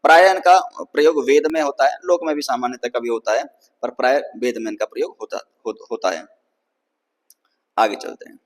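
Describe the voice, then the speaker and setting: A man's voice: mid-range voice, fairly quick, long reverb tail, poor audio. A man teaching Sanskrit grammar in a patient lecture, often checking that students follow and drawing out vowels to show their length. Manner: patient, repeats "ठीक है ना" to check understanding. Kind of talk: explanatory lecture.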